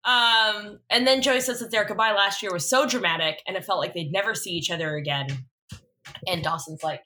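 A woman co-hosting a podcast in casual conversation, chatty, self-deprecating and quick to swear. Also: mid-range voice, bright, forceful tone. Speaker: podcast co-host. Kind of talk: casual chat recapping a TV drama.

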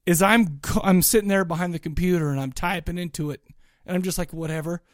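Speaking quickly in a high-sitting voice, a male podcast co-host rambles enthusiastically and colloquially about music in a casual review chat. The studio recording is clean, with no echo.

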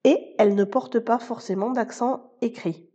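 A woman's voice: on the high side, fairly even intonation, a little slow, highs cut off. A woman teacher giving a scripted podcast lesson, explaining patiently and speaking to the listener informally. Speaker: Spanish teacher.

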